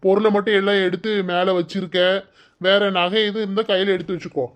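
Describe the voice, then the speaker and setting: A man playing a calm, matter-of-fact husband. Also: high voice, fairly quick, close to an everyday voice. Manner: plain, steady. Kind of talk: cartoon voice acting. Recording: dull lo-fi recording.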